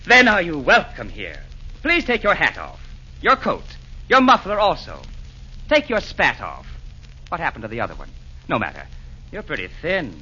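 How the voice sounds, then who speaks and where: A jolly, fussing old Santa Claus in a 1940s radio play. The voice is bright and forceful, swinging widely through hearty, theatrical rhymes. The old broadcast recording is dull and limited. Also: male voice, on the high side, wildly swooping pitch, moderate pace, pauses often, husky, exaggerated voice. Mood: hearty, hospitable. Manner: hearty, rhyming theatrical delivery.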